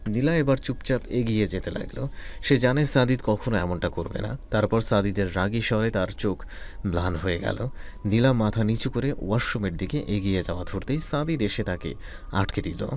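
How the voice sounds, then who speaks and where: Brief: male narrator, lowish voice, calm romantic storytelling. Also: normal speed, slight background noise.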